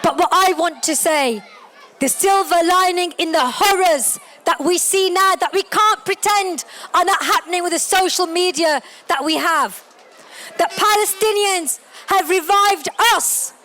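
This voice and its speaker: A woman addressing a rally in a slow, rhetorical speech, listing words one by one. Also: very high-pitched, sharp tone, some chatter behind. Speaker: rally speaker.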